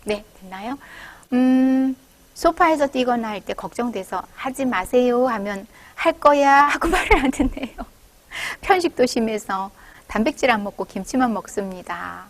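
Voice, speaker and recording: A woman's voice: on the high side, moderate pace. A woman parenting counselor giving an online talk to fathers, answering questions and acting out what parents and children say. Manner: lively, acts out parent and child lines in quotes.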